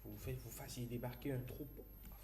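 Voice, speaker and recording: A man's voice: medium pitch, steady tone, quick pace, a loud crowd. A man with a Beninese French accent hosting a TV talk show in a joking, teasing way, with many fillers.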